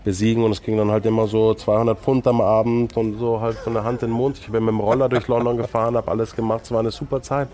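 A man in his early forties, a guest telling stories in a casual chat, with many restarts. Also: fairly low pitch. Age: 40s. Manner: fast, animated storytelling with many restarts.

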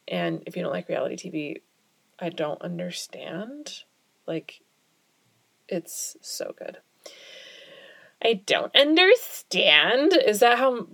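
A woman's voice: mid-range voice, vocal fry, darkish tone, no echo. A young adult woman from Alaska hosting a casual solo podcast, chatty and self-deprecating, recording in a small closet at home. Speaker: podcast host.

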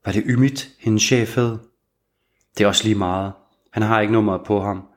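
A man narrating a thriller audiobook in a steady, measured way. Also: on the low side.

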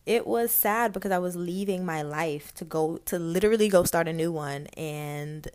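A woman's voice: on the low side, normal speed, darkish tone. A young woman from Guyana with a light Guyanese accent, hosting a casual podcast and telling her own story in a chatty, candid way with lots of fillers. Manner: chatty, candid, laughs often, many fillers. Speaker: podcast host.

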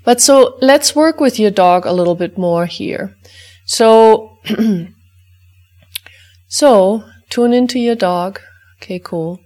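A woman teaching an energy healing exercise for dog owners, guiding gently and repeating chant-like clearing phrases. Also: mid-range voice, takes it slowly, long pauses. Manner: calm, repetitive incantation-like clearing phrases.

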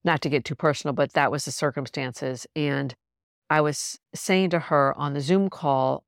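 A woman's voice: low voice, steady tone, moderate pace, no room sound, clean studio sound. A woman hosting a podcast, telling a personal story in a candid, reflective, conversational way. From lives in New York City. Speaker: podcast host.

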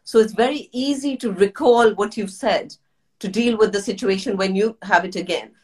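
A woman's voice: mid-range voice, normal speed. A woman hosting an interview, asking questions and adding short encouraging replies. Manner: supportive, frequent short affirmations. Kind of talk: conversational interview.

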